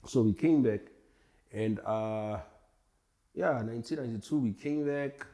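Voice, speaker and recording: A man's voice: medium pitch, measured pace, dark tone. A man in his forties from Tanzania, a hip hop artist chatting as a guest in a casual interview, laid-back and rambling. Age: 40s.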